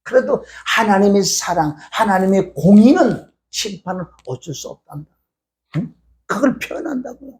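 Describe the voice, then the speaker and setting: A middle-aged man preaching a sermon as a pastor, telling a story in an animated way and acting out scolding voices. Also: high-pitched, moderate pace, slight background noise.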